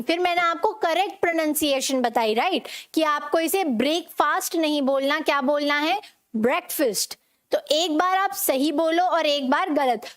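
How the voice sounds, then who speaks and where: High-pitched woman teaching pronunciation. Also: fairly bright tone. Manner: repetitive drilling, frequent "ठीक है" check-ins; reads student comments aloud and answers them. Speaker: English teacher. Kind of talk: online spoken-English class.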